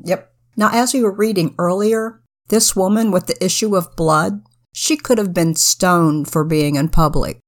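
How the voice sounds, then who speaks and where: A woman's voice: fairly low pitch, measured pace. A woman co-hosting a Bible podcast, giving earnest, preacherly devotional commentary. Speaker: podcast co-host.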